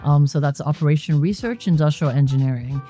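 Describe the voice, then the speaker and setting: A woman from Hong Kong, guesting on an interview podcast, answers conversationally and explains her views in a reflective, thoughtful way. Her deep, mellow voice moves fairly quickly, with soft music playing behind her in a members' club lounge.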